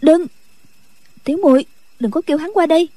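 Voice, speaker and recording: Nghi Lâm, a timid young nun. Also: female voice, very high-pitched, brisk, a little mellow, no echo. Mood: frightened. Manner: trembling, hesitant.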